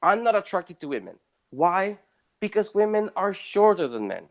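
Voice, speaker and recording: A Southern Italian man, a guest in a casual interview, speaks emphatically at normal speed, his pitch and loudness swinging widely in a sing-song way.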